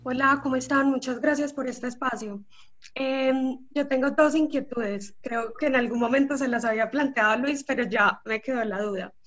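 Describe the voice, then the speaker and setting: A woman's voice: high-pitched, normal speed, fairly bright tone. A woman, a scholarship recipient, asking questions politely and carefully on a webinar. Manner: polite, careful, thinking aloud. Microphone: video call. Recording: slightly dull video-call audio.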